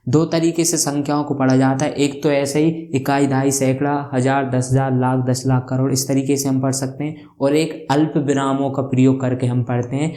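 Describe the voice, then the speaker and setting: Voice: mid-range voice, little pitch movement, normal speed, few pauses, mellow. A maths teacher explaining a lesson, who keeps asking questions and answering them, and spells out place values one by one.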